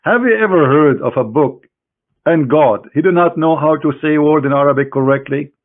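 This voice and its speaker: A man's voice: a little high, normal speed. Guy, scornful and sarcastic, talks right at the other side, sounds thin like a phone line. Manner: scornful, sarcastic, addressing an opponent directly. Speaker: religious critic presenting a screen demonstration. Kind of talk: mocking screen-share lecture.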